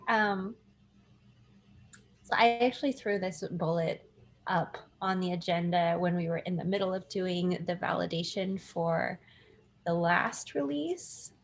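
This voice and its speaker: A woman's voice: lowish voice, takes it slowly, gravelly, long pauses. A woman speaking hesitantly in a casual work meeting through her laptop's built-in microphone and speaker. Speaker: software team member in a meeting. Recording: noisy laptop speakerphone audio.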